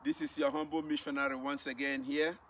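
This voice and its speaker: This middle-aged Nigerian man talks brisk and emphatic as he recounts his missionary testimony to camera, repeating phrases for effect. His voice is medium-pitched and fairly bright, with little pitch movement. Faint noise surrounds the distant mic.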